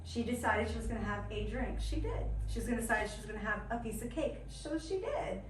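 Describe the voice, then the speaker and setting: A woman's voice: on the high side, animated, slight background noise. Chatty woman speaker in an echoey room. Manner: chatty, upbeat, quick asides. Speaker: wellness coach giving a talk. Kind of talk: lively storytelling presentation. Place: indoor event room at a chiropractic office. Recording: echoey room from a distance, faint ambience.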